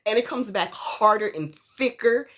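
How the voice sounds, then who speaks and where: A woman's voice: medium pitch, expressive, unhurried, a bit bright. A woman vlogger chatting casually and animatedly with her viewers, often laughing. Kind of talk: casual chat with live viewers.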